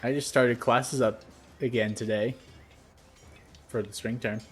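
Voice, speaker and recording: Young male game master, casual descriptive narrator, mid-pitched, filler-heavy. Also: steady tone, measured pace, soft background music. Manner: loose, descriptive narration full of "like". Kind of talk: narrating a tabletop game over voice chat.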